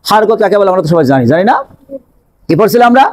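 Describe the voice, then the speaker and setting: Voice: medium pitch, expressive, rapid-fire. A teacher leads a classroom pronunciation drill. The teacher asks questions and answers them, repeating each letter sound several times. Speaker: Quran recitation teacher.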